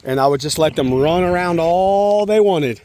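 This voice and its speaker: A man chats playfully with his young child in a park during rain, using simple encouraging phrases and frequent check-ins. His voice is a little high and warm, at a normal speed. The recording is noisy outdoor home-video audio.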